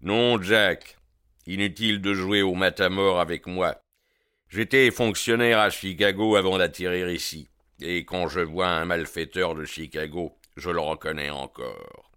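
A man reading the part of a self-assured police captain who taunts with calm irony. The voice is low and smooth, bright and forceful, recorded dry and close. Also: measured pace, no echo. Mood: mocking. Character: confident police captain, middle-aged man, mocking. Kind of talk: audiobook character reading.

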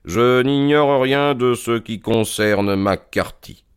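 A man voicing a calm, shrewd detective who speaks softly and gravely, in a slow, deliberate way. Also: mid-range voice, no room sound, clean studio sound, voice pushed up, lightly acted. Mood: grave, gentle. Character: calm shrewd male detective, middle-aged, gentle and grave.

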